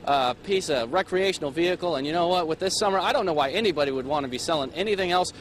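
A man's voice: on the high side, fast, a little hiss or hum. A young man reporting live for morning TV on an RV lot, holding a handheld mic and talking in an upbeat, chatty promo style. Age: young adult. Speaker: field reporter. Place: outdoors beside an RV on a sales lot, then inside the RV.

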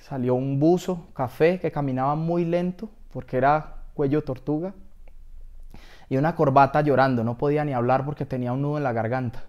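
Man, deadpan comedy monologue, mid pitch. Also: fairly quick, dull audio. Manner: deadpan storytelling addressed to a doctor.

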